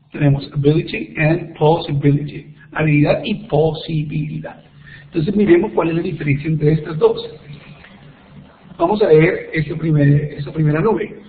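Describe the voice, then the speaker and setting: A man teaching an online English class in Spanish, slowly modeling English example sentences. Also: a little high, a little hiss or hum. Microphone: web conference. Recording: tinny phone-like web conference audio.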